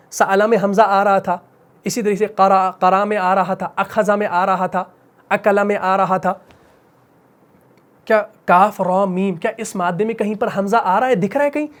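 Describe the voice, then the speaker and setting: A high-pitched man gives a Quran recitation lesson, asking his class rhetorical questions and going over key points more than once. On the words that matter he slows down to almost a whisper.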